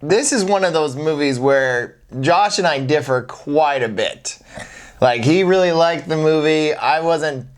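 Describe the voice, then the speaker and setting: Higher-voiced man chatting through a review. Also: lively intonation, measured pace, smooth. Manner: conversational, hedging opinions. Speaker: film review show co-host. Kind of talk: casual film review chat.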